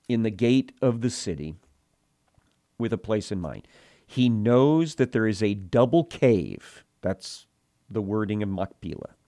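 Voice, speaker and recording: Male preacher, unhurried delivery, mid-range pitch, earnest and emotional in telling the story. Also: darkish tone. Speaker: Bible teacher. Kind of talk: sermon with scripture reading.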